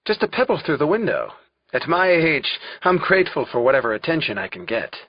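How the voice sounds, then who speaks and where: A man's voice: fairly high pitch, very animated, fairly quick, breathy edge, no echo, voice pushed up, heavily acted. A man playing a breezy old charmer. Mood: airy reassuring. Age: older. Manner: breezy, dismissive reassurance. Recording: dull lo-fi recording.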